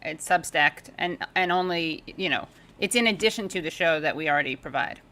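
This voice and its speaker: Bright-voiced woman chatting as a guest. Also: sits low, fairly quick, slight background noise. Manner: chatty, jumps in over others. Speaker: podcast guest. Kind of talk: casual livestream chat.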